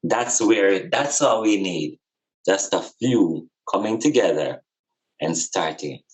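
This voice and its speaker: A low-voiced man speaks at a slow pace but with animation, captured in poor audio. He is a podcast guest on spirituality and community, reasoning casually about life in a reflective, earnest way and repeating phrases to stress his points.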